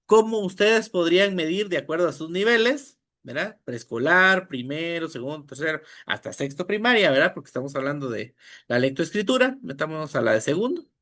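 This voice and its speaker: A man's voice: fairly high pitch, animated, brisk, fairly bright tone. A man teaching an online class, explaining material step by step and often checking in with his listeners. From Guatemala. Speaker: teacher leading an online training session.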